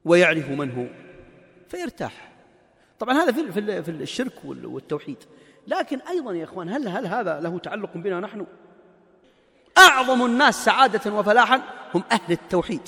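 A high-pitched man preaching, his sermon running conversational and emphatic. He keeps throwing rhetorical questions at the listeners and drops into colloquial asides. His voice trails off into a long hall reverb. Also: a bit bright.

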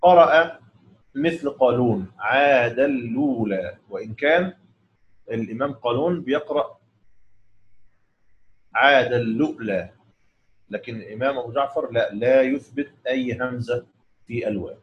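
Egyptian man, recitation teacher, explains plainly then chants verses slowly, dull lo-fi sound. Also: mid-range voice. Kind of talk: Quran recitation lesson. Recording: dull lo-fi recording.

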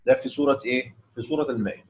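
A man's voice: medium pitch, a little mellow. Egyptian man teaching Quran recitation. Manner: explains in colloquial speech, then chants the verses slowly and drawn out. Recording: dull lo-fi recording.

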